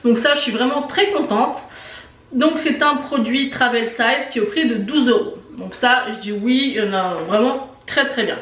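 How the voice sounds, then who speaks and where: A woman's voice: a little high, normal speed, fairly bright tone, distant mic. A woman vlogger doing a casual beauty box unboxing, chatty and enthusiastic, with many fillers. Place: indoor room with shelves of lipsticks behind. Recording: echoey room.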